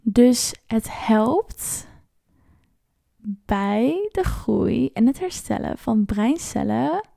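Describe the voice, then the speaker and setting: A woman with a fairly high, warm voice and a gravelly edge explains things to viewers in a chatty, informal way, now and then searching for the right words. The sound is close and dry, with no room echo. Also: expressive, very slow. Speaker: trauma coach hosting an online challenge.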